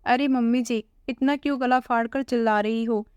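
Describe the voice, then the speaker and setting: Woman doing a nasty young daughter-in-law, snappy and scornful, kinda high, dull lo-fi sound. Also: steady tone, normal speed, a little mellow, clear, resonant tone, dry recording, close to an everyday voice. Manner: scornful, cutting retorts. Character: sharp-tongued young daughter-in-law, contemptuous.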